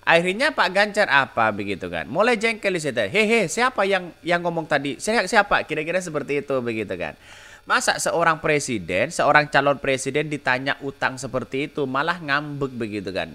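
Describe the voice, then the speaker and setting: Man hosting a news commentary, animated and sharp-toned, teasing. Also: medium pitch, a little fast. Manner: mocking, with repetitive filler tags. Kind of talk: solo political commentary.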